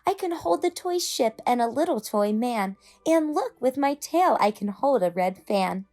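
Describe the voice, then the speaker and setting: A woman's voice: on the high side, expressive, a little slow, a little mellow. A woman voicing a playful, boastful, mischievous male cat from a storybook, in a showy, coaxing sing-song.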